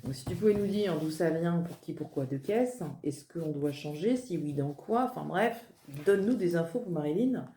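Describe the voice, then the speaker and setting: A woman's voice: on the low side, expressive, moderate pace, few pauses, warm tone, a little hiss or hum. A woman, a medium giving a casual, chatty card reading at her desk, joking at her own expense. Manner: chatty, self-mocking, laughs at herself. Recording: roomy echo.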